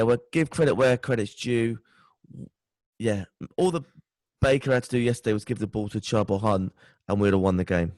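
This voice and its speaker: Male podcast guest, British, medium pitch, sleep-deprived and hungover, stumbling a little through relaxed fan talk. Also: no room sound. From United Kingdom. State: tired and hungover, short of sleep. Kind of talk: casual sports chat.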